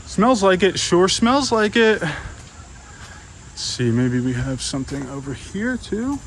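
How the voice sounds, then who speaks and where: A man's voice: high voice, sing-song, a little slow, a bit bright, slight background noise, low-quality recording. Rambling young man vlogging in a park. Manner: rambling, musing, many fillers and restarts. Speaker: travel vlogger. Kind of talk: casual walking vlog. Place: outdoor city park.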